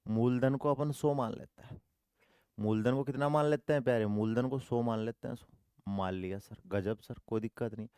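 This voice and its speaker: A man's voice: mid-range voice, steady tone, moderate pace, mellow, smooth, no echo, clean studio sound. A male maths teacher running an online coaching class, repeating each step and answering his own questions, calling students "dear brother".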